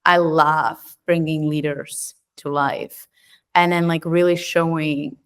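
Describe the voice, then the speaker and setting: A Czech woman in her thirties, appearing as a podcast guest, chats casually with a Czech accent and keeps dropping fillers like "like" and "um." Her voice sits low and sounds fairly bright and clean, with a flat delivery and slow pace.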